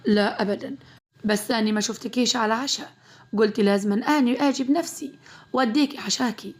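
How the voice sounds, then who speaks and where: A woman's voice: on the high side, fast talker, close to an everyday voice. A woman voicing a protective young male doctor with an Upper Egyptian accent, firm and caringly insistent.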